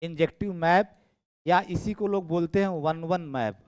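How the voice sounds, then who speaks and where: एक पुरुष गणित शिक्षक कक्षा में पढ़ा रहे हैं, बातें दोहराते हुए और छात्रों की कॉपियाँ जाँचते हुए।. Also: male voice, fairly high pitch, unhurried, a little mellow, clean tone, no echo. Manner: chatty, repeats phrases, checks students' work aloud. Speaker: maths teacher. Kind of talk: classroom lecture. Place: classroom. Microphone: camera in room.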